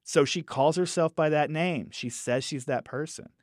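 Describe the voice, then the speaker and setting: A film reviewer with a slightly high voice chats on a casual podcast at a moderate pace, his clean studio audio free of echo. Animated and thinking aloud, he often restarts phrases and performs quoted characters in raised voices.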